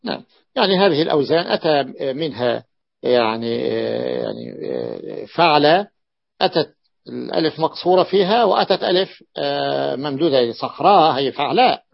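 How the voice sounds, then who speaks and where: Gravelly-voiced man teaching a class. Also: on the high side, big pitch swings, moderate pace, muffled recording. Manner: repeats patterns, quizzes the class with questions. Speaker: teacher explaining Arabic morphology. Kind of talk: classroom lesson.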